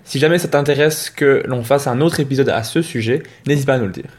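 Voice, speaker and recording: A man co-hosting a language lesson, explaining in a brisk, plain-spoken way. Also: medium pitch, a little mellow, slightly rough. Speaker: language teacher.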